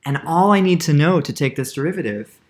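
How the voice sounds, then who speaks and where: A man's voice: a little high, animated, a little fast. A man teaching calculus in a casual lecture, talking through slides and often checking in with the listener. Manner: conversational, checks in with frequent "right?", restarts mid-phrase. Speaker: math teacher.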